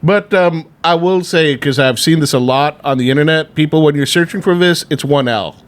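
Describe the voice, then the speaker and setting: A man's voice: on the high side, normal speed. A man as a guest reviewer on a casual whiskey podcast, easygoing as he reads out tasting notes.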